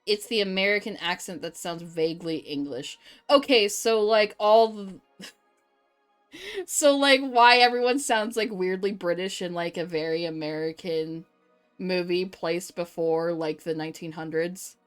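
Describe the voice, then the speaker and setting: A woman's voice: lowish voice, measured pace, smooth, soft background music. A woman streamer chatting casually with her viewers, reading chat aloud, joking and laughing often.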